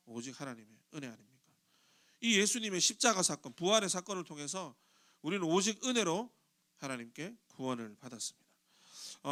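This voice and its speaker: Man, pastor, chatty youth sermon, questions to the congregation, quick acted-out quotes, slightly high voice. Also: pushed and bright. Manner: acts out quoted voices in short bursts. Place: church sanctuary.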